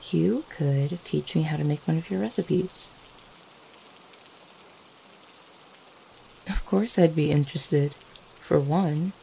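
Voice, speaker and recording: A woman plays a gentle, devoted vampire girlfriend in an ASMR roleplay, her low, mellow voice edged with a gravelly creak. She's playful and affectionate, speaking tenderly and a little hesitantly with soft-hearted reassurance. The audio is poor, with faint steady rain falling in the background.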